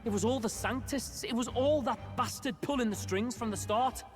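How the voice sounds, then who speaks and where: Casting: bitter game onlooker, indignant, high voice with music underneath. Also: male voice, normal speed. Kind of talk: video game drama acting. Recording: background music.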